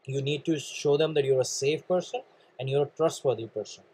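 Husky Indian man coaching with a cough. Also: medium pitch, fairly quick, dark tone, poor audio. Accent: Indian English. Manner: earnest, repetitive, addresses listeners as guys. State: coughing, clearing throat. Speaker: sales and networking trainer. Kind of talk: motivational training talk.

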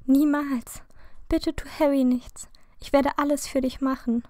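A desperate young mother begs softly for her child's life, as a woman gives her a voice while reading aloud. Her pleas sit a little higher and quieter than the narration, warm and slow. The recording is close and dry. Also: little pitch movement, dry recording. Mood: pleading. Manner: pleading, soft and high.

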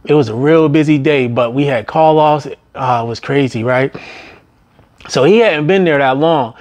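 A middle-aged man recounts his restaurant management days in a loose, conversational ramble. His voice sits a touch high for a man, and he keeps punctuating his thoughts with "right?" and "man." When he quotes other people, he jumps into high, strained voices. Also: moderate pace, darkish tone. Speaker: business vlogger and former restaurant manager. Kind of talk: casual storytelling monologue.

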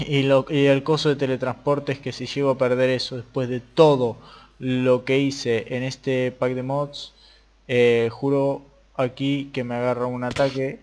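A young Argentine man talking casually over a modded Minecraft game, jumping between quiet mutters and excited yelps. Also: mid-range voice. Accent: Argentine Spanish. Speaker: gaming youtuber. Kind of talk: casual Minecraft let's play commentary.

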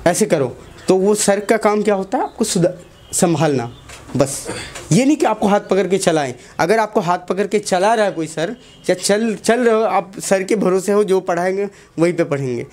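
A man's voice: sits high, a little mellow. Man giving students a motivational talk. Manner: asks the class short questions and repeats key lines. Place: classroom.

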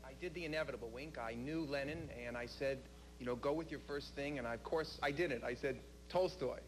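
A man's voice: medium pitch, brisk. A young man speaking as a contestant on a television quiz show, at a studio podium microphone. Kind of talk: answering and chatting on a quiz show. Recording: noisy vintage TV tape.

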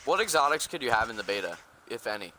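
A man's voice: medium pitch, very animated, fast, sharp tone, low-quality recording. A man chatting during a game, pushy and demanding with his friends. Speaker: streamer's friend. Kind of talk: casual gaming chat. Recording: voice chat with game music.

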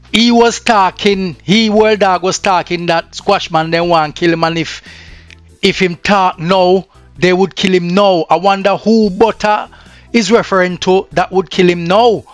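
A man's voice: high voice, steady tone, a little slow, dry recording, faint music behind. A man with a Jamaican accent commenting on news in a chatty way that drifts into patois.

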